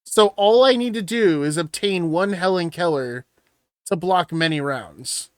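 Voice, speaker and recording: A young man co-hosting a casual podcast stream, talking loudly and excitably with plenty of swearing. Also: high-pitched, a little slow, clean tone, no echo, clean studio sound. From Washington State. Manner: loud, excitable, profane. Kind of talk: casual banter.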